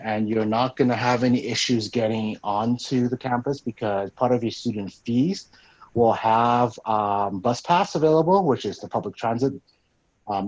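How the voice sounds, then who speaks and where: A man's voice: mid-range voice, a little mellow, breathy edge, no room sound, lo-fi sound. A man from the university staff guiding a live virtual campus tour and answering questions, explanatory and a little out of breath from walking. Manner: explanatory, frequent "um" and "so".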